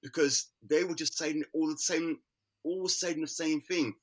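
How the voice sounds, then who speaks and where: A middle-aged man with a London accent, an artist chatting casually and telling animated stories, acting out the people he quotes. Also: on the high side, unhurried. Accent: London English. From Britain. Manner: animated storyteller, acts out quoted voices with laughter. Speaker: artist guest. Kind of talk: casual conversation.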